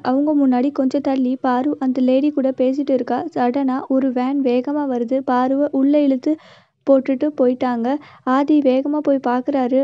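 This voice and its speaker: A woman's voice: high-pitched, no room sound. A woman narrating a serial story in Tamil-language storytelling style, reading out every character herself. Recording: dull, lo-fi sound.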